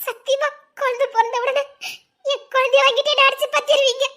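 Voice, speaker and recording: A betrayed young pregnant wife in a TV serial, weeps and shouts her accusations in a very high, piercing voice. Her anger comes out through bitter, tearful laughs. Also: level tone, fairly quick. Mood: anguished. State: crying. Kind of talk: TV serial acting.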